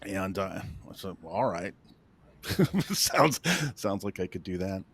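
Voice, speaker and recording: Low-voiced man in his fifties, joking. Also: lively intonation, takes it slowly, a bit bright, husky. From northern Illinois, USA. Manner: self-deprecating, laughs at his own stories. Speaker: guest, real estate coach. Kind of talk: casual interview storytelling.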